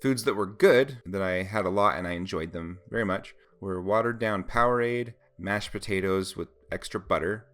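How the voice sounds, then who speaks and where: A man's voice: low voice, normal speed, hardly any pauses, fairly bright tone. A man giving a casual, first-person account with practical advice, in an informal, explanatory way. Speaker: vlogger recounting a personal experience.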